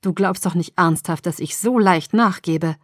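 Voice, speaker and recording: A woman voicing a brooding young man who is cold and sorrowful, speaking low and hushed, at times in a whisper. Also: normal speed, no echo, clean studio sound, lightly acted. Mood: mocking.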